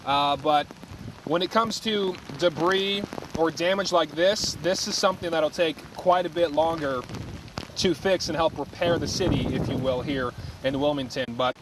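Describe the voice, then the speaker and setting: Outdoors on a city street in pouring rain, a male field reporter ad-libs a live storm report. His fairly high voice moves at a moderate pace as he raises it emphatically over the wind and rain.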